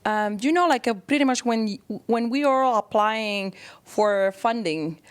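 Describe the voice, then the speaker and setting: Woman, host, fairly high voice, reads intro, asks interview questions. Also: unhurried. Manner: warm-up scripted intro then friendly questioning. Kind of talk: hosted interview.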